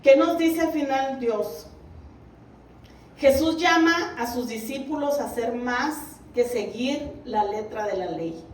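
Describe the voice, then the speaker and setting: A woman's voice: sits high, takes it slowly, slight background noise. A woman preaching a sermon, earnestly exhorting her congregation. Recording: roomy, distant mic.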